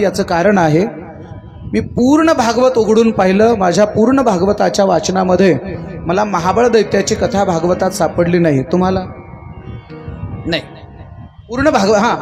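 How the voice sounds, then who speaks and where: A man preaching a devotional sermon, telling the story in rhythmic lists and coaxing the crowd with questions. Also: high voice. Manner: folksy, coaxing the audience to answer. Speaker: kirtan preacher. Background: music.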